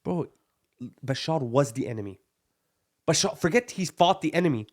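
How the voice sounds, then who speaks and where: A man's voice: on the high side, expressive, moderate pace. A young man from Palestine, a podcast co-host, arguing bluntly and emphatically in a heated discussion, peppering his talk with "bro" and Arabic phrases.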